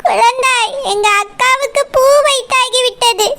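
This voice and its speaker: Melodramatic cartoon young woman, very high voice, formal gentle speech. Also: fairly even intonation, a little slow, a loud crowd. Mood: sorrowful. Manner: formal, melodramatic, breaks into sad song. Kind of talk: cartoon voice acting.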